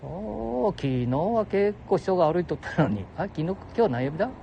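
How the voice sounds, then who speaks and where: Gruff older man, heavy ramble. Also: high voice, sing-song, normal speed, warm tone, dull audio, a little hiss or hum. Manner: gruff, jokey, talks to listeners as "お前". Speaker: solo audio show host. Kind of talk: rambling casual monologue. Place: outdoors beside a public toilet.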